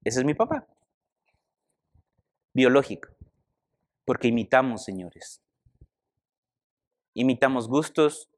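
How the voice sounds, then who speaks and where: A young man, preaching a conversational sermon and asking the congregation questions. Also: mid-range voice. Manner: animated, conversational, asks the audience questions.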